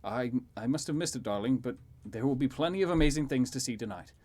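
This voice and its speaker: A man playing a kindly, protective knife-thrower uncle in a tabletop role-play, gentle and reassuring. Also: medium pitch, lively intonation, fast talker, close to an everyday voice.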